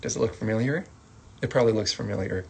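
A man teaching a casual sign language lesson, speaking softly and acting out short example phrases. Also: on the low side, vocal fry, a little hiss or hum. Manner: slow, soft-spoken, acts out example phrases.

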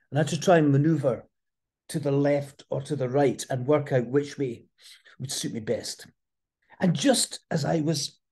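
A man telling a personal story in a slow, deliberate, reflective way. His voice is fairly high for a man, but mellow and soft-edged, with a husky grain. He weighs each phrase earnestly.

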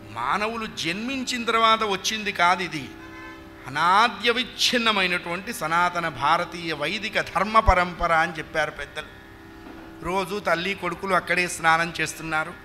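A man performs a devotional story with humor, speaking animatedly and turning often to his listeners. His voice is high and strikingly bright, with faint instrument music behind him in a religious hall. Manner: animated, addresses the audience directly. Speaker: Harikatha storyteller.

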